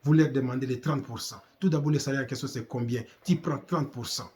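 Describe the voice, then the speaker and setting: A man's voice: mid-range voice, steady tone, a little fast, a little mellow. A man from Congo with a Congolese French accent, giving impassioned commentary full of rhetorical questions and repetition. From Democratic Republic of the Congo. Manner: exhorting, rhetorical questions, repeats himself.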